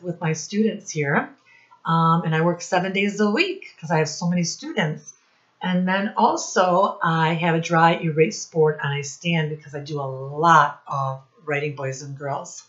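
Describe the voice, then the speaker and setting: An American woman with a fairly low, slightly bright voice hosts storytime for young children as their teacher and read-aloud host, with the high frequencies cut off. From a home office classroom she instructs, asks questions and addresses the kids directly.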